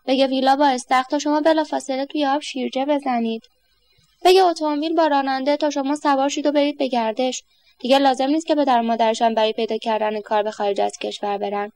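Brief: woman reader as calm kindly old professor, patient delivery, dry close sound. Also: high-pitched, dry recording, close to an everyday voice. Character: patient kind retired old man, professor.

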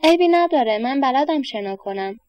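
A determined little boy from a storybook, as a woman puts him on, polite and earnest but never giving up. His voice sits up high and bright. The recording is close and dry. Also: animated, dry recording, dull audio. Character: determined stubborn young boy.

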